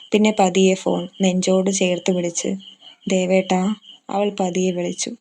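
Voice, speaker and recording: A woman reading a romance story aloud in a slow, even way. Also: mid-range voice. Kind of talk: scripted narration.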